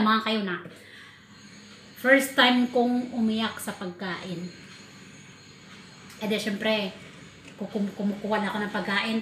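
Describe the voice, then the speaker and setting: A woman from the Philippines telling a food story in a casual vlog, animated and laughing as she talks. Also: mid-range voice. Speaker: vlogger. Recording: echoey room with faint ambient noise.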